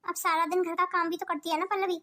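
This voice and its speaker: Gentle polite cartoon daughter-in-law, very high quick voice, bright tone, a woman doing her. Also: level tone. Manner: polite, soothing, pleading. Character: sweet hardworking elder daughter-in-law. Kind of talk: cartoon voice acting.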